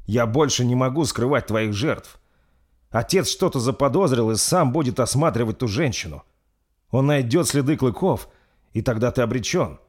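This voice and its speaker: A man's voice: medium pitch, animated, normal speed, pitched above the performer's own voice, natural voice. A man voicing a young prince who pleads anxiously in a raised voice. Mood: pleading.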